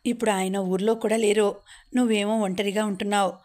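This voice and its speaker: A woman's voice: medium pitch, flat delivery, fairly quick, darkish tone, lightly acted. A woman reading the lines of a young man who earnestly promises to protect and repay his sister-in-law, in a storybook. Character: young man, grateful protective brother figure.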